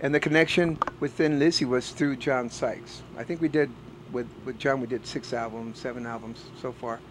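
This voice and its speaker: A man's voice: medium pitch, fairly even intonation, moderate pace, low-quality recording. Middle-aged man over background noise. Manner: earnest and reflective, frequent "uh" hesitations. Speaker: bass player. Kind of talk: casual backstage interview. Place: backstage at a music festival.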